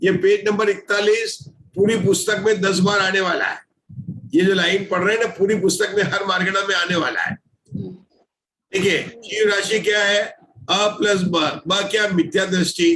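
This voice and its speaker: A man's voice: high voice, fairly even intonation, normal speed, sharp tone, reverberant, a little hiss or hum, rough recording. A man teaching an online scripture class, patiently explaining formulas step by step and checking often that everyone follows.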